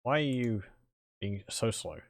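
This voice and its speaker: A man giving casual, halting gameplay commentary, thinking aloud as he chats with his viewers. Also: mid-range voice, animated, dry recording. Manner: musing aloud, chuckling, halting. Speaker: video game streamer. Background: game music.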